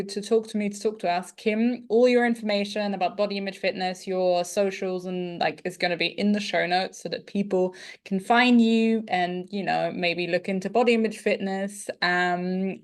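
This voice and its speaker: A woman with a light Austrian accent talks gently on a podcast, feeling her way through her thoughts with soft fillers. She explains her yoga and nutrition work in a calm, thoughtful way, at an ordinary middle pitch. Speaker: podcast host, yoga teacher and dietitian. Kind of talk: podcast interview conversation.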